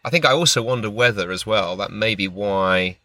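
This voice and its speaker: Fast, bright-voiced man hosting a podcast. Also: lowish voice, no room sound, clean studio sound. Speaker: podcast host. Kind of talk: conversational podcast discussion. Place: in a car park. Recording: faint car park background noise. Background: car park ambience, occasional engine.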